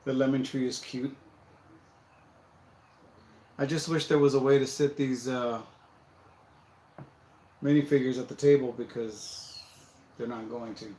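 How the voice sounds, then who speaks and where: A man hosting a building-set livestream, chatting casually and thinking aloud in a relaxed, self-deprecating way. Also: medium pitch, unhurried, long pauses, reverberant, a little hiss or hum, low-quality recording.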